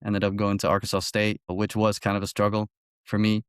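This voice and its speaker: Speaking fairly quickly with a fairly low pitch and totally flat delivery, this early-twenties Belgian athlete, a college golfer, recounts his story casually as an interview guest. The tone is clean, the audio studio quality with no room sound.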